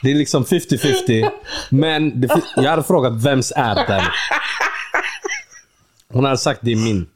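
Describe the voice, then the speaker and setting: A man's voice: mid-range voice, background noise. A man co-hosting a casual podcast chat, acting out a scene he imagines and laughing as he goes. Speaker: podcast co-host.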